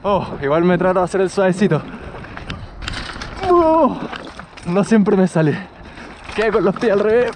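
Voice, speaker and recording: Chilean man, high voice, roomy echo. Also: a little slow, pauses often, noisy background. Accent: Chilean Spanish. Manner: excited exclamations while riding, relaxed explaining at home. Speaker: mountain bike vlogger. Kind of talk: casual vlog, riding commentary then bike review. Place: trail ride outdoors, then indoor room with bike stand.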